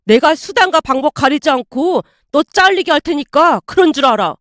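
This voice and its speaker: A woman reading the part of an arrogant young man who taunts and yells at restaurant staff, in a story narration. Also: high-pitched, lively intonation, normal speed, no room sound, studio quality. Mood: yelling. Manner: sneering, yelling insults. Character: arrogant bullying young male customer.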